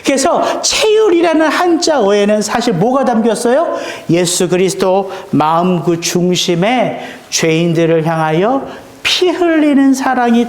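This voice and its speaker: A man pastor giving a sermon, earnest and steady, asking rhetorical questions and slowing to stress key words. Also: very high-pitched, echoey room. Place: church sanctuary.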